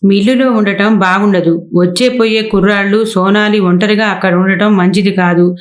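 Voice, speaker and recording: A woman's voice: mid-range voice, fairly even intonation, normal speed, close to an everyday voice. A woman narrator voicing an older, cautious male mill manager who explains matters respectfully to his employer. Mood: explaining.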